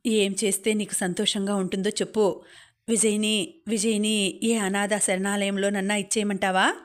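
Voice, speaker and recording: A woman reading a gentle, loving daughter. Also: medium pitch, flat delivery, normal speed, lightly acted. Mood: pleading, tender. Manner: soft, pleading and affectionate. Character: gentle devoted young adult daughter.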